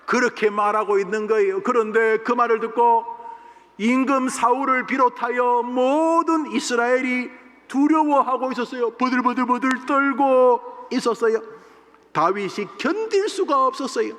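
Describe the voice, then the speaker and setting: A man with a strikingly high voice delivers a Sunday sermon from the pulpit. He tells the Bible story in an animated way and reads scripture aloud. His words ring out through a large sanctuary with a long, lingering reverb. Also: moderate pace. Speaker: senior pastor. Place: church sanctuary.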